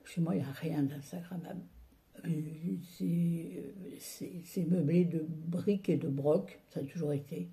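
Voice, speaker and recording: A woman talks straight to her viewers in a casual home vlog, grumbling about everything that annoys her. Her voice sits low and very dark, with a gravelly fry running through it. She rambles in a loose, colloquial, exasperated way. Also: a little slow. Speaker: vlogger.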